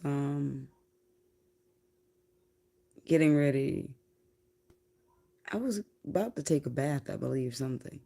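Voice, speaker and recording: Slow, gravelly-voiced woman storyteller. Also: low voice, warm tone. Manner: slow, drawn-out, reflective, casual swearing. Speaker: livestreamer. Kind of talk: casual spiritual storytelling.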